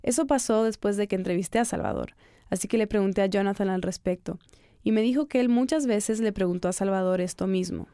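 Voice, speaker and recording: Mellow-voiced woman narrating a documentary. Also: medium pitch, dry recording, clean studio sound. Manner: calm, measured storytelling. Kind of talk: scripted narration.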